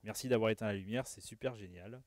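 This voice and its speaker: A man giving a live product demo on stage in a relaxed, chatty manner. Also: lowish voice, fast talker, no echo. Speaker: product demonstrator.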